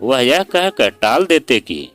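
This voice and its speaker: A man reading a moral story aloud as a scripted narration in a calm, unhurried way. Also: medium pitch. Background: soft sitar music.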